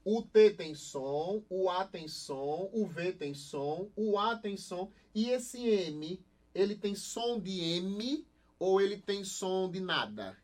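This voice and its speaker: A young Brazilian man with a lively, slightly high voice gives a recorded online class, asking the students questions and answering them himself. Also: slow pace. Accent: Brazilian Portuguese. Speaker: Portuguese teacher.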